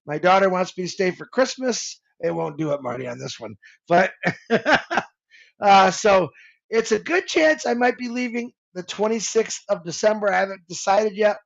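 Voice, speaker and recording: A man in his fifties co-hosts a live stream, chatting casually in a heartfelt, rambling way and often restarting his sentences. His gravelly voice sits high, with lively intonation and a moderate pace. The recording sounds muffled.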